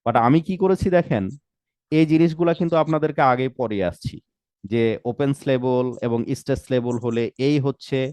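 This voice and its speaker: A man's voice: medium pitch, normal speed, a little mellow, clean tone, dry recording, clean studio sound. A man teaching an online English pronunciation class, patiently breaking words into syllables, asking rhetorical questions and mixing English terms into his speech. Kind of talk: live online class lecture.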